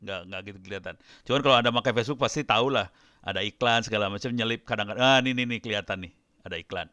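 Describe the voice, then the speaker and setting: A man's voice: lowish voice, rapid-fire, pushed and bright, no room sound. A middle-aged man giving a casual, chatty lecture to students while demonstrating on screen, often laughing between points. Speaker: guest lecturer.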